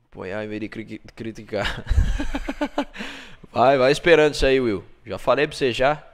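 A man's voice: mid-range voice, big pitch swings, moderate pace. A man with a Brazilian Portuguese accent streaming a game live, trash-talking and greeting chat viewers.

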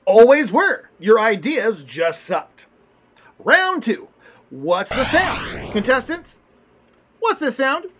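A man's voice: very high-pitched, sing-song, takes it slowly, sharp tone. A man hosting a puppet comedy game show with a bombastic showman manner. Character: orange furry host puppet.

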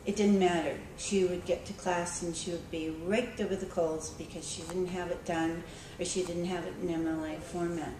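A woman's voice: on the low side, little pitch movement, normal speed, hardly any pauses. Woman speaking in an echoey hall. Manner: conversational, with frequent ums and restarts. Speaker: school librarian speaking at a conference. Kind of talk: conference talk, storytelling. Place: conference room. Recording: echoey hall, recorded from far off with background noise.

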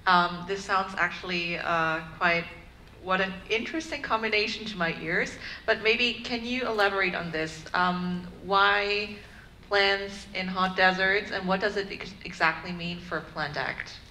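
A woman's voice: mid-range voice, measured pace, bright, forceful tone. A woman in her thirties moderating a panel discussion, upbeat, filling her questions with "um" and "kind of". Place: conference room with audience. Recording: echoey room, faint room noise.

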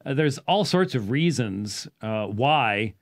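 A man in his fifties explains things off the cuff like a teacher hosting a talk show, his medium-pitched voice full of lively intonation. He speaks deliberately, sometimes haltingly, stressing key words. He sits in a small indoor study lined with bookshelves, close to a boom-arm studio microphone.

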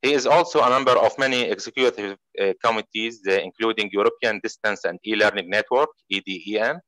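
Hesitant, sharp-voiced host reading an introduction. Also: male voice, lowish voice, no room sound, low-quality recording. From Iraq. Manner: hesitant, many pauses and fillers. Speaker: event host introducing speaker.

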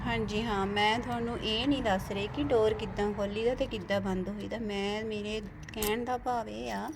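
A woman's voice: medium pitch, steady tone, normal speed. A middle-aged woman from India with a Punjabi accent, chatting to viewers while walking outdoors and repeating her phrases. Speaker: vlogger. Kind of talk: casual walking vlog. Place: outdoors on a neighbourhood street. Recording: outdoor recording with clear street noise.

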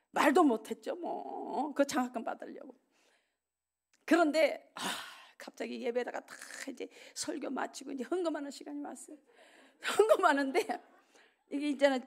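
Animated woman preaching a testimony. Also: high voice. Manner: animated storytelling, acts out dialogue, laughs often. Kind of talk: testimony sermon. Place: church sanctuary.

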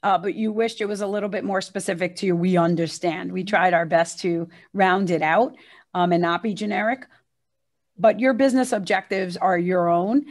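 A woman's voice: on the low side, steady tone, normal speed. Friendly businesslike woman presenting online. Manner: businesslike, friendly, many fillers. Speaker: agency executive presenting a webinar. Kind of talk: casual presentation Q&A. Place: room with a production team.

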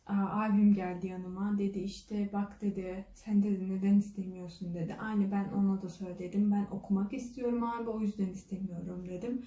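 A woman's voice: medium pitch, warm tone. A woman vlogger telling a personal story casually, acting out the dialogue with a constant "she said" and "I said". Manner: retells dialogue with frequent "dedi" and "dedim". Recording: echoey room, voice from a distance.

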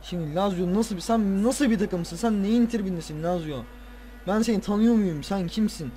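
A tired man playing a football video game, casually commenting, swearing and ranting at the players with excitable outbursts. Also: high voice, normal speed. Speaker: gaming video creator.

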